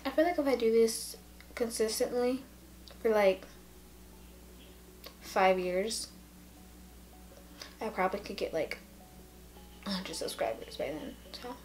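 A woman's voice: mid-range voice, slow, pauses often, darkish tone. A young woman with a headache chatting sleepily to a close camera at home late at night, drifting from topic to topic in a giddy, rambling way. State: tired, with a headache. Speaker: vlogger. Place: indoors at home, sitting on a carpet. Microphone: camera close up at arm's length.

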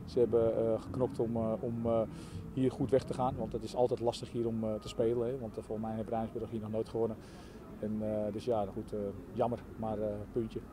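A man from the Netherlands, a football coach answering questions after a match, speaking haltingly with many fillers and restarts. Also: lowish voice, completely flat delivery, noisy background. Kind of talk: post-match interview.

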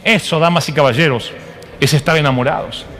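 High-voiced comic preacher in a big hall. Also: male voice, a little fast. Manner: animated, comic storyteller with asides to the audience. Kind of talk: humorous sermon storytelling. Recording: long hall reverb, live sermon.

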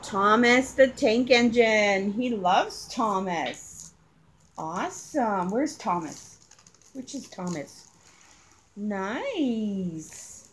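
A middle-aged woman chatting casually at home as she unboxes crafts with a child, coaxing gently and gushing over every detail. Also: medium pitch, animated, drawn-out words. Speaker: crafting channel host. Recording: clear background noise.

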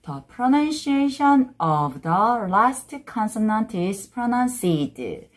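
A woman leads a language lesson at a very unhurried pace, stretching out each model word so learners can copy it. Her pitch moves freely up and down. She switches between English and Korean and keeps up a steady stream of praise. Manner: repeats model words slowly for learners, mixing English with Korean; encouraging, praises learners often. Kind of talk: pronunciation lesson.

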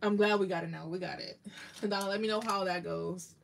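A woman's voice: medium pitch, fairly even intonation, a little fast, gravelly, slight background noise. A woman hosting a casual nail art tutorial livestream, chatting with viewers by name and laughing often as she works.

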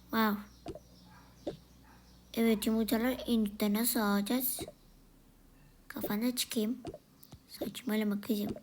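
A woman voicing a pair of playful baby sisters in a comedic role-play vlog, often in a whispery, hushed way. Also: medium pitch, level tone, unhurried, long pauses, a little hiss or hum. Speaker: vlogger voicing toy siblings.

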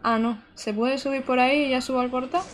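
Young female streamer, casual and chatty, voice on the higher side, light room noise. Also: fairly even intonation, a little fast. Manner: chatty, talks to chat while playing. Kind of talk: live gameplay commentary.

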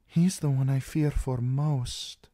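A man's voice: mid-range voice, steady tone, slow, mellow, dry recording, voice pushed up, close to an everyday voice. Man doing a wily young princess, raised voice, coaxing, dry close sound. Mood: confiding. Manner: coaxing, confiding. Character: young scheming princess, woman, persuasive.

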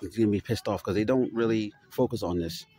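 A man's voice: lowish voice, quick pace, warm tone. A man, ranting as he films a casual walk-through vlog inside a retail store, swearing and stammering over repeated words. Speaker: toy collector vlogger.

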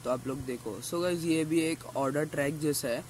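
A teenage man from India vlogs a casual restaurant review in a busy mall, talking chattily to his audience and calling them "guys" again and again. His voice is a little high, his pace moderate. The phone camera at arm's length picks up a little hiss or hum.

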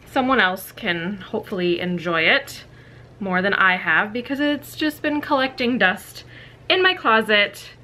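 A woman's voice: mid-range voice, lively intonation, measured pace, sharp tone, slight background noise. A young woman vlogging casually in a small walk-in closet, talking to a camera on a tripod a few feet away, with lots of "like" and "you know". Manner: chatty, filler-heavy, candid. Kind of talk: casual closet clean-out vlog.

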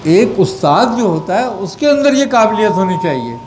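With a high, sing-song voice of darkish tone, a Pakistani spiritual teacher answers questions from a gathering. He frequently asks whether he's been understood, and a little hiss or hum can be heard.

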